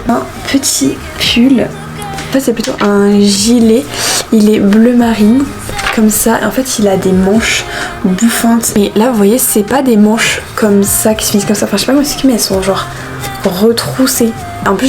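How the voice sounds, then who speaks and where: A 19-year-old woman chatting casually to the camera as a vlogger, upbeat and chatty, showing her things as she talks. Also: medium pitch. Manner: chatty and upbeat, lots of fillers, shows items to the camera. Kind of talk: casual vlog chat. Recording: music playing underneath.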